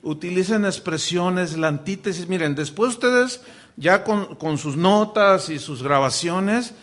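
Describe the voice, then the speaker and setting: A man with a Mexican accent, a pastor teaching a lesson on preaching in a lively, joking way with many restarts. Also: sits high, a little slow. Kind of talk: sermon-style lesson.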